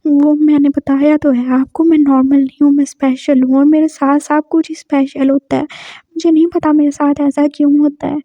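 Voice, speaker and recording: A woman voicing a timid, tearful young man who pleads softly and anxiously. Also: sits high, little pitch movement, normal speed, dry recording, dull audio. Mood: tearful pleading.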